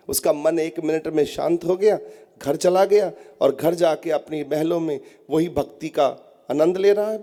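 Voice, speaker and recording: A man with a high voice gives a devotional sermon to a seated congregation. His tone is mellow and soft-edged. He talks straight to his listeners in an earnest, coaxing way. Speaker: spiritual teacher. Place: prayer hall at a gathering.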